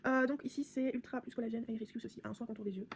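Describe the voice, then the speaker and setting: A woman's voice: fairly high pitch, steady tone, rapid-fire, a little hiss or hum. A young woman vlogging casually through her beauty products, chatty and rambling with many fillers and restarts. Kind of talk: casual product haul vlog.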